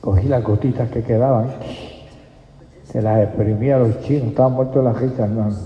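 A man giving a testimony sermon, telling his story and often dropping to a hushed, prayerful voice. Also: medium pitch, steady tone, fairly quick. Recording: echoey hall, dull lo-fi sound.

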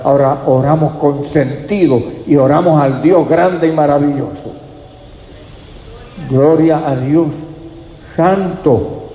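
A man's voice: a little high, warm tone. Fervent male preacher in an echoey hall. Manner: fervent, addressing listeners as brother. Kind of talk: sermon.

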